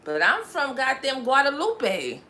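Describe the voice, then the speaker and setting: A woman's voice: high voice, huge pitch swings, a little slow, bright, forceful tone, a little hiss or hum. A young woman raised in Connecticut, chatting casually on her livestream in a rambling, slangy way and laughing often. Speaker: livestream host.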